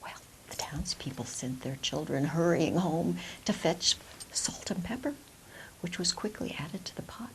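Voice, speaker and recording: A woman telling a folk tale expressively, with dramatic, deliberate phrasing. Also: on the low side, expressive, in a whisper, rough recording. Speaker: storyteller. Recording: clear background hiss.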